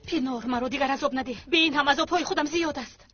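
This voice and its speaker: A woman's voice: high-pitched, a bit bright. An actress dubbing a worried woman who pleads and comforts a crying child. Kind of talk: dubbed TV drama. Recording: lo-fi with music underneath.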